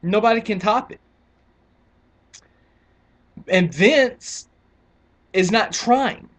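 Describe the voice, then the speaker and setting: A man's voice: sits high, extremely slow. A man in his twenties ranting casually to camera as a wrestling vlogger, argumentative and rambling with frequent restarts. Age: 20s.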